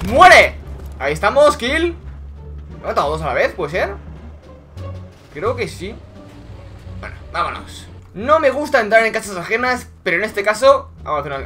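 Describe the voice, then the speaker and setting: A young man giving excitable, swearing live commentary over his own gameplay, yelling when he scores. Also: high-pitched. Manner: excitable, swearing, shouting at kills. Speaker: gaming YouTuber. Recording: music in background.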